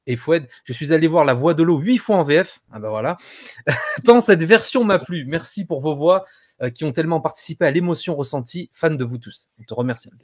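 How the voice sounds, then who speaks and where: Man, live stream host, rapid talk, higher voice, upbeat. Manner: enthusiastic, thanks donors. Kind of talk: casual live chat.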